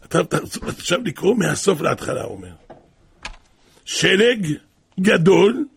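A man preaching a sermon, impassioned, moving between hushed tones and crying out. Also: fairly high pitch, big pitch swings, gravelly, breathy edge.

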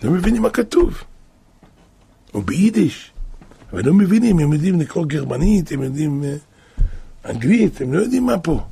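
A man's voice: fairly high pitch, very animated, vocal fry, pauses often, mellow, slightly rough, no room sound. A man telling a story aloud, speaking emotively and growing more intense at the dramatic moments. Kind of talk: spoken storytelling.

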